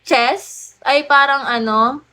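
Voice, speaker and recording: A young woman hosting a casual livestream, teasing a viewer and squealing with excitement as she thanks people for gifts. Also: high voice, slow pace. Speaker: livestream host.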